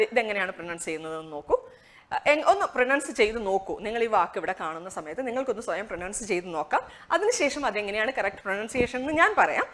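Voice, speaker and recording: A woman teaching English pronunciation in a conversational lesson, asking rhetorical questions and slowing down on the target words. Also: medium pitch, a bit bright. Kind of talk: explanatory lesson.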